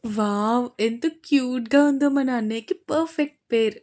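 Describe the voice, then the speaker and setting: A woman voicing a playful, excitable young man in an audio romance story, with a teasing, eager way of talking. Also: mid-range voice, normal speed, lightly acted. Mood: excited.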